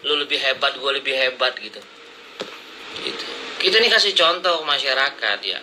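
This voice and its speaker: Seated indoors, smoking and drinking coffee, a man rants at his critics to camera in blunt, confrontational slang, lecturing them heatedly yet casually. His mid-range voice is expressive and brisk, with background noise audible.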